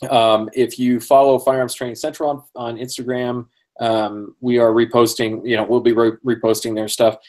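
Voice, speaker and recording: A man's voice: mid-range voice, little pitch movement, normal speed, a little mellow. A man hosting a casual interview, friendly and talkative, often laughing and using many fillers. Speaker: podcast host.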